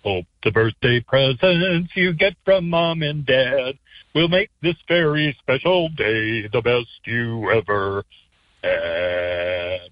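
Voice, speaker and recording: A man in his seventies leaves a phone voicemail, singing a birthday ditty in a slow sing-song way over a landline phone. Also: mid-range voice, no echo. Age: 70s. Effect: voicemail heard over a landline phone. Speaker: caller. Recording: dull, dry phone-line voicemail.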